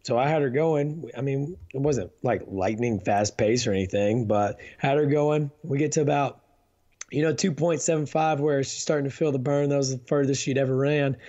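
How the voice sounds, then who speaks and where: A man's voice: mid-range voice, moderate pace, warm tone, highs cut off. A man co-hosting a casual podcast, telling stories and acting out quotes. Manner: storytelling, acts out quotes. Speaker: podcast co-host. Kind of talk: casual chat.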